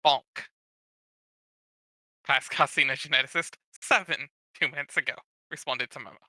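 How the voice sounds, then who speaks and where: A man's voice: mid-range voice, fairly even intonation, moderate pace, pushed and bright, no room sound, studio quality. A man casually bantering and reading a script aloud as he leads a group session. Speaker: session leader and narrator.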